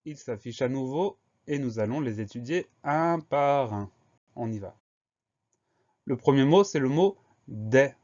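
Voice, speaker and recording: A man of middle pitch leads a dictation lesson, breaking each word into syllables and spelling it carefully letter by letter. His pace is measured and patient. The recording sounds a little dull and lo-fi. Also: expressive, a little mellow. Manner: slow, deliberate letter-by-letter spelling. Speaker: teacher.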